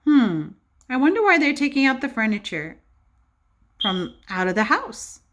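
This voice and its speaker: Here a woman teacher with a high-pitched voice reads aloud from a picture book to little ones, in an expressive, teaching manner, often stopping for questions.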